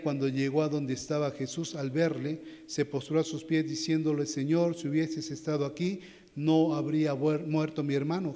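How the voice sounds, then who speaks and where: Pastor preaching in an echoing church. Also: male voice, dark tone. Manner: addresses the congregation as brothers, rising in pitch and force as he presses his point. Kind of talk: sermon. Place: church sanctuary. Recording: long church reverb.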